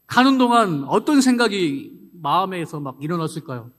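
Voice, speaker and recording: A male pastor preaches with animated energy, asking the congregation questions and acting out scripture scenes. His voice sits a little high for a man. It carries through the long reverb of a church sanctuary. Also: normal speed. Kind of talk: sermon.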